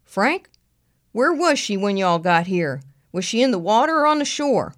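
A woman voicing a big, burly, gruff male sheriff in his fifties with a blunt, swearing drawl. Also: mid-range voice, big pitch swings, normal speed, pitched above the performer's own voice, close to an everyday voice. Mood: exasperated.

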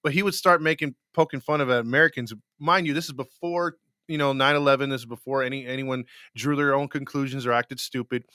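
A man's voice: medium pitch, fairly even intonation, a little fast, pushed and bright, clean tone, no room sound. A man co-hosting a live podcast, chatting casually, laughing often and telling stories. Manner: laughs often, tells stories with mimicked voices. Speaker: podcast co-host. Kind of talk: casual chat, putting on comic voices.

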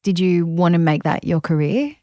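A woman's voice: on the low side, normal speed, dark tone, dry recording, clean studio sound. A woman host asking engaged follow-up questions in an interview. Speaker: podcast host.

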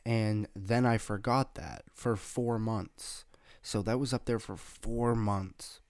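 Man, young adult, low-pitched, dry sound, casual storytelling, swears a lot, acts out quoted dialogue. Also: takes it slowly, no echo. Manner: swears freely, animated retelling with quoted dialogue. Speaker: podcast host.

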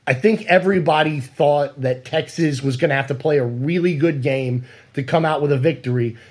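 Male podcast host, slightly high pitch, casual conversational lead. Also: normal speed. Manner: conversational, leads the questions. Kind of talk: casual sports podcast chat.

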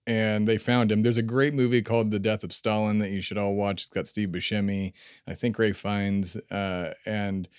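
A man with a somewhat low voice chats loosely as a podcast co-host, joking and wandering off track. The sound is dry and close, with no room around it. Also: level tone, normal speed, clear, resonant tone, no room sound. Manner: joking, rambling, laughs often. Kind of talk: casual podcast chat.

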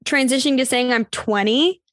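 Brief: young woman, 19, podcast co-host, playful and chatty, slightly high voice, dry booth sound. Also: a little fast, fairly bright tone, no echo. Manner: bubbly, joking, filler-heavy. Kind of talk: casual chat.

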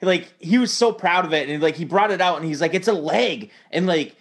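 A man's voice: a little high, quick pace. A young man co-hosting a podcast, chatting casually and acting out movie lines as he retells them. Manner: animated storyteller, acts out movie lines. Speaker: podcast co-host. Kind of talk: casual chat.

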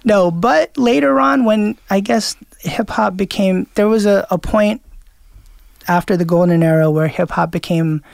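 A man's voice: high voice, measured pace, gravelly, no echo, studio quality. A man from Queens, a DJ guest talking loosely in an interview, full of fillers and restarts. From Queens, New York. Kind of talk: casual interview chat.

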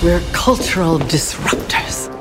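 Grand Broadway diva over loud music. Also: female voice, lowish voice, expressive, unhurried. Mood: indignant, grand. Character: brash, self-righteous Broadway diva turned crusader. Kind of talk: theatrical musical film dialogue. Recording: film trailer clip under loud music.

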